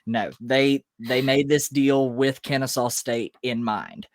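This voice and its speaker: A man's voice: mid-range voice, fairly even intonation, slow, no echo, studio quality. A man co-hosting a casual sports podcast, explaining news step by step with frequent ums. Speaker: podcast co-host.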